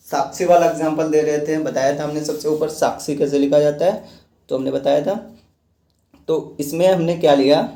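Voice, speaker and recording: A man's voice: fairly high pitch, vocal fry, mellow. A male teacher giving a lecture, explaining step by step, repeating points and asking and answering his own questions. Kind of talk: classroom lecture. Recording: echoey room.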